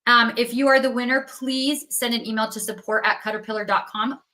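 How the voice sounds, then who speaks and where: A woman's voice: on the high side, fairly even intonation, a little fast, pushed and bright. A woman hosting a live craft sales stream, chatty and upbeat, giving away prizes and reading out winners. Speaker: livestream host for a craft company.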